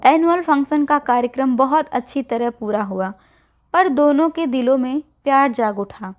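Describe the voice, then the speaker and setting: A woman storyteller calmly narrating a scripted story in a measured way. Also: sits high. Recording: dull lo-fi recording.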